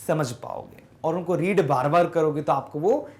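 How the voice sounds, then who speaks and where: High-voiced male teacher. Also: a little hiss or hum. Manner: drills students with questions he answers himself; sounds out words slowly, syllable by syllable. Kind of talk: explaining English spelling in a class lesson.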